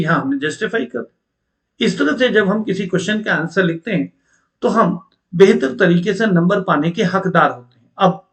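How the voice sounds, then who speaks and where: A man with a notably high voice delivers an online lecture to exam candidates. He explains patiently and addresses the students directly, often asking questions and answering them himself. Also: fairly bright tone. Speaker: teacher.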